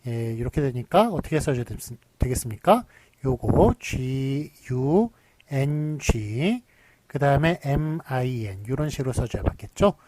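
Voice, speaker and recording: A man's voice: medium pitch, animated, unhurried, dark tone, slight background noise. A man giving a recorded university lecture, explaining step by step, asking rhetorical questions and using many fillers.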